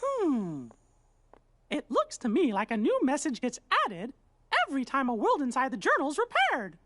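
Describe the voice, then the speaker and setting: A man voicing a small, kindly cartoon mouse in a video game, in a squeaky falsetto with a folksy, earnest manner. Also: wildly swooping pitch, normal speed, sharp tone, roomy sound, slight background noise, full character voice. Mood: thoughtful. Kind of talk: animated video game voice acting. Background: game music.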